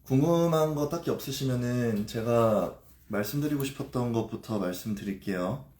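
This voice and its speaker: A man livestreaming and speaking in a halting, hesitant confessional way, with frequent pauses and fillers. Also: medium pitch, darkish tone, echoey room, slight background noise.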